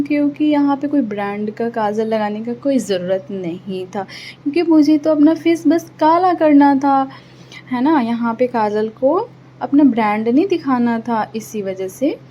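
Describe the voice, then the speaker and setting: A young woman talks through her vlog in a relaxed, chatty way, explaining each step as she goes. Her delivery is slow and unhurried, and her voice sits a little high. A faint hiss runs under the recording. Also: dull audio. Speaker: vlogger mother. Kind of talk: casual vlog narration.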